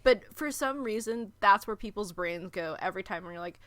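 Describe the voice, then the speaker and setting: A woman's voice: medium pitch, a little fast, fairly bright tone, no room sound. A woman co-hosts a podcast in casual chat. Her voice sounds dry and close, and she trades wry, dramatic quips. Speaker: podcast co-host.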